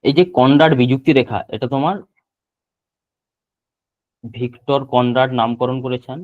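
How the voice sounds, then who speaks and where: Male teacher over a tinny line. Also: medium pitch. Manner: repeats terms slowly for note-taking. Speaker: geography teacher. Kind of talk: online class lecture.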